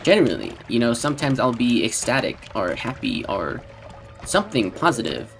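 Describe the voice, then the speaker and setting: A man giving casual gameplay commentary in a deadpan tone that can sound sarcastic, with keyboard clicks behind him. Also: medium pitch, moderate pace, creaky, soft background music. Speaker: gaming channel host.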